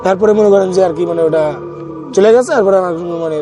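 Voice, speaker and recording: A man's voice: high-pitched, rapid-fire, warm tone. A man, an ambulance driver, telling his own experience in a casual, rambling way, often restarting his sentences. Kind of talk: casual first-person storytelling. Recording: faint background music.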